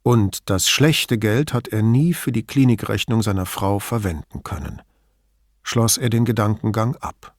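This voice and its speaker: A man narrating a novel as an audiobook, in an expressive storytelling manner. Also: fairly low pitch, measured pace, dry recording, studio quality. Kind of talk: scripted narration.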